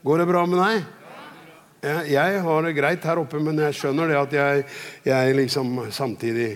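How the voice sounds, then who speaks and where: A man's voice: a little high, fairly even intonation. An older man, a pastor, preaching a sermon in a chatty, joking storytelling way. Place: church hall. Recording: long church hall reverb.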